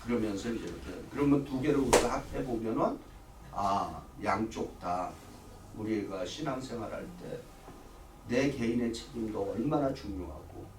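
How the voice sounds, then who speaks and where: A man's voice: on the low side, moderate pace, far from the mic, noisy background. Korean man teaching Bible class, echoey room. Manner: asks the class questions and answers them himself. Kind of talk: church Bible study lecture. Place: church classroom.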